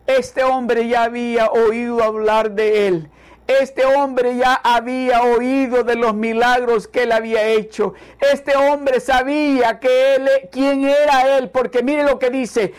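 A man's voice: very high-pitched, little pitch movement, slow, clean tone. A man preaching a sermon with fervent repetition, calling on listeners to repeat after him.

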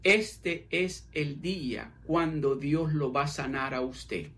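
A man's voice: a little high, slow pace, bright, forceful tone. A man preaching a midweek sermon, fervent and repetitive, speaking directly to his listeners. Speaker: pastor.

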